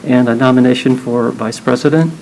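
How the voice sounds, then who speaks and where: Man, board chair, mid-pitched voice, polite and procedural, faint background noise. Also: fairly even intonation, a little fast, vocal fry, a little mellow, rough recording.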